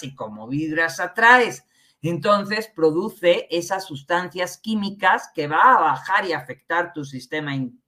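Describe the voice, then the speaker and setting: A woman giving a spiritual talk, slow and emphatic, often checking in with a tag question. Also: mid-range voice, a bit bright. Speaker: spiritual teacher. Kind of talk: spiritual talk to an online audience.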